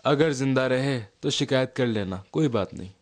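A man's voice: medium pitch, moderate pace, close to an everyday voice. An actor playing a cautious male conspirator in a dubbed historical drama, urgent and tense. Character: cautious male conspirator urging the group to hide.

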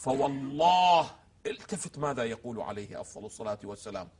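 A man as a religious scholar on a TV discussion show, explaining texts emphatically, asking fill-in questions and quoting passages slowly. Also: high-pitched, expressive, a bit bright, slightly rough. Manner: quotes texts slowly and solemnly.

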